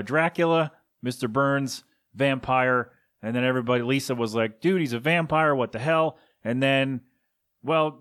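A man's voice: mid-range voice, a bit bright. A man hosting a casual solo podcast, rambling through listener suggestions with chuckling asides and lots of ums and uhs. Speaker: podcast host.

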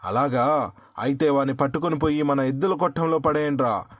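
A man voicing an angry, haughty king in a folk tale, giving orders in loud, raised shouts. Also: on the high side, moderate pace, no echo, clean studio sound, lightly acted.

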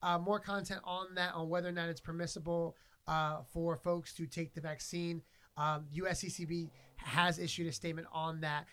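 A man co-hosting a podcast in casual chat, upbeat and quick to say "there you go.". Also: on the high side, flat delivery, a bit bright. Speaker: podcast co-host.

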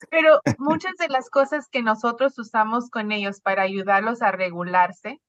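A woman's voice: fairly high pitch, normal speed, dry recording. Rambling mother on a muffled call. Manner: warm, rambling, self-correcting, laughs while telling. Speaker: participating mother. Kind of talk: casual group chat. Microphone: video call.

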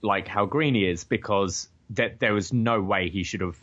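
A man's voice: fairly low pitch, moderate pace, fairly bright tone. A man co-hosting a podcast, chatting casually about a wrestling match. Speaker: podcast co-host. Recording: slightly dull, lo-fi sound.

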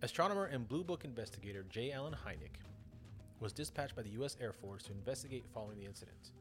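Music plays behind a fast-talking man of medium pitch who hosts a podcast of strange stories. He's lively and jokey, forever breaking off for asides and fixing what he just said.

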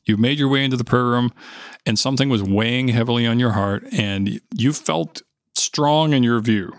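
A man's voice: medium pitch, moderate pace, no echo, studio quality. Earnest man telling a faith story. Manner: earnest storyteller, acts out his own inner voice. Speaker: house of prayer leader. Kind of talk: conversational faith talk with a co-host.

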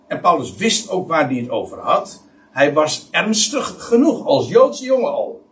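Animated preacher, off-mic. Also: male voice, a little high, unhurried. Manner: animated, emphatic, many restarts. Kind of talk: sermon, Bible teaching. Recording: voice somewhat far from mic.

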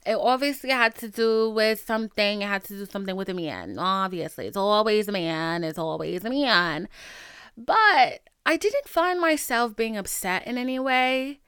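Candid woman podcaster, clean smooth voice. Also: mid-range voice, expressive, moderate pace, a bit bright, dry recording, studio quality. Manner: candid, slangy, emphatic, with playful swearing. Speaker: podcast host. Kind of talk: casual confessional monologue to listeners.

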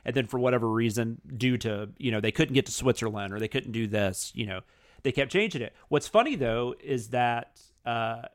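A man's voice: medium pitch, expressive, normal speed, no room sound, clean studio sound. A man hosting a podcast in casual chat, rambling and self-deprecating, often laughing at himself. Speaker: podcast host.

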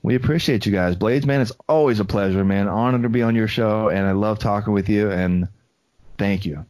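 A laid-back man in casual podcast chat, his voice sitting low. He keeps saying "man" as he talks, and the sound is close and dry with no room echo. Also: brisk, a little mellow. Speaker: podcast co-host.

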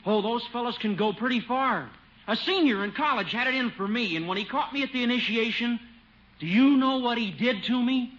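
Boyish young man, very high and bright, teasing; dull vintage broadcast. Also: a little fast. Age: young adult. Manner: boyish, giggly. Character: cheerful young man, college-boy, teasing. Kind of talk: 1950s radio sitcom acting. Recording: muffled old radio broadcast recording.

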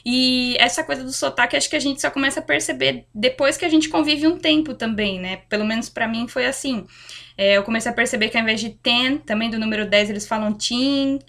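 A young Brazilian woman with a Brazilian Portuguese accent, hosting a podcast and telling personal stories in a chatty, relaxed way. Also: on the high side, fast talker, gravelly. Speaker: podcast host. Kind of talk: casual chat.

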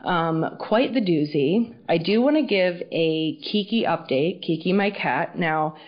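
A woman hosting a casual solo podcast talks frankly and informally, swearing a lot. Her fairly low voice is animated and a little slow, but the dull, muffled audio makes her sound underwater.

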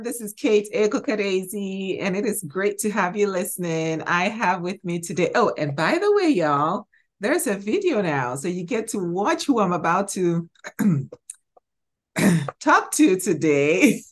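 A woman hosting a faith podcast, chatty and quick to laugh. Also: mid-range voice, lively intonation. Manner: laughs often, chatty and bubbly. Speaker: podcast host. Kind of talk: casual podcast chat.

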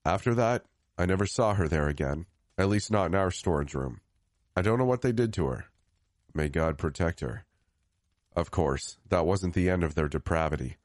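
A man reading a scripted first-person horror story in a grave, measured way, lifting the start of each new phrase. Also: low-pitched, animated, no room sound, studio quality. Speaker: storyteller narrator.

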